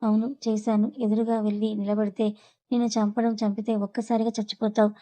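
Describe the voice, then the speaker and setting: A woman's voice: mid-range voice, little pitch movement, brisk, dark tone, natural voice, low-quality recording. A woman reading as an angry young man. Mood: cold. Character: angry young man confronting his uncle.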